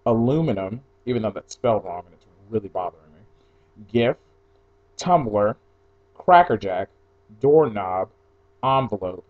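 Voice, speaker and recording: A man's voice: on the low side, a little mellow. Offhand young man, slightly dull recording. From New Jersey, mostly raised in Atlanta. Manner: offhand, wandering asides. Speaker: blogger recording an audio post. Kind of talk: casual solo chat, reading out a questionnaire.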